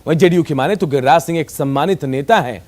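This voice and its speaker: Male TV anchor, scripted news voice-over, somewhat high pitch. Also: fast, a little mellow.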